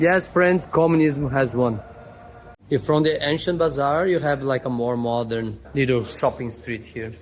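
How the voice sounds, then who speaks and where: A man's voice: medium pitch, steady tone, moderate pace, slight background noise, poor audio. Enthusiastic man vlogging casually. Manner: enthusiastic, repeats "super", playful. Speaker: travel vlogger. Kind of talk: casual travel vlog chat. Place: outdoors in city streets and a gym.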